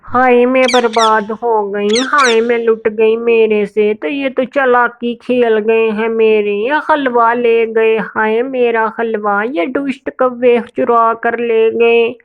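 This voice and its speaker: Gullible wailing cartoon parrot lady, a woman voicing her, high, slow, lo-fi. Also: steady tone. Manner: wailing, lamenting.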